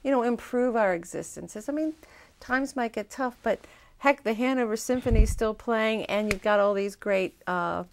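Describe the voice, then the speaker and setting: A woman hosting a local TV interview, chatty and enthusiastic, with quick asides. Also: on the high side, creaky, slight background noise. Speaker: talk show host.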